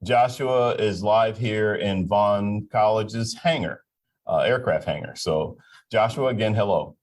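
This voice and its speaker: Friendly low-voiced male talk host. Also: unhurried. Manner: friendly, jokey, stumbling over names. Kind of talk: live interview show.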